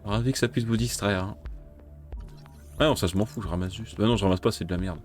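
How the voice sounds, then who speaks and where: A man's voice: fairly low pitch, quick pace, soft background music. A man giving casual let's-play commentary, talking to the game's creatures and yelping when he gets startled. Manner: jumpy, talks to game creatures, yelps when startled. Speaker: gameplay streamer.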